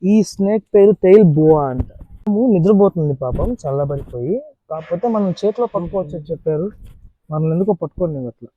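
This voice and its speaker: A man's voice: a little high, lively intonation, quick pace, dry recording, narrow, tinny audio. Chatty man vlogging at an animal park. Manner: chatty, talks playfully to the animals. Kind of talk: casual vlog narration.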